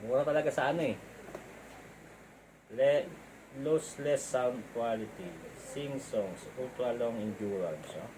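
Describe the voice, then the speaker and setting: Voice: medium pitch, slow. A chatty vlogger unboxing a gadget in casual talk, reading product features aloud. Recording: noisy home recording.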